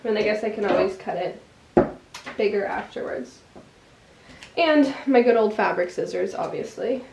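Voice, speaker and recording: A woman's voice: mid-range voice, normal speed, gravelly. Young woman vlogging, super chatty, lots of "like", bit of faint noise behind. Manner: chatty, says "like" a lot. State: out of breath. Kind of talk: casual vlog chat.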